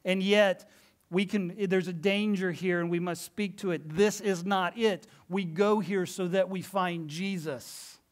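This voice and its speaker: A man's voice: sits high, steady tone, a little slow. A middle-aged man preaching a sermon in a church, telling stories in an earnest, emphatic way. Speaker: pastor. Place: church sanctuary.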